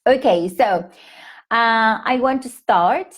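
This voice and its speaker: A woman from Peru in her thirties speaks slowly in a higher-pitched voice with a Peruvian Spanish accent. She chats casually with English teachers on a home live stream, stumbling through fillers and restarts, recorded on a laptop or phone mic.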